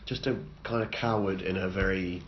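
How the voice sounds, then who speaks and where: A man's voice: low voice, steady tone, normal speed. A man co-hosting a casual chat, dry and wry, who keeps steering the talk back on track. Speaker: podcast co-host. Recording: muffled with faint noise.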